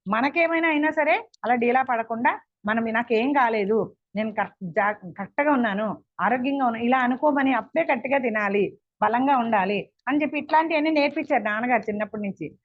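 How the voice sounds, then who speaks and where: Telugu-accented woman guest, earnest storyteller, a bit high-pitched, dull recording. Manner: earnest, animated retelling with quoted dialogue. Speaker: meditation teacher and interview guest. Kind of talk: emotional personal storytelling. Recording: dull lo-fi audio.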